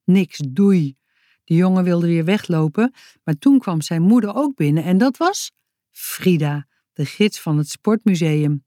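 A woman author reading her own children's story aloud, slow and expressive. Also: fairly low pitch, dry recording, clean studio sound.

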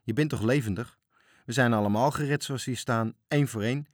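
A hearty, cheerful sailor speaks up loud and bright, as a man reading a storybook puts him on. The sound is close and dry. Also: medium pitch, brisk, no room sound, natural voice.

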